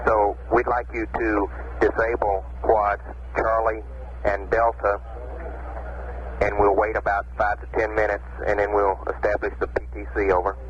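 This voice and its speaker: A man's voice: on the low side, level tone, normal speed. A man working as a mission control communicator, giving procedural instructions over radio. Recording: very noisy muffled 1960s radio link.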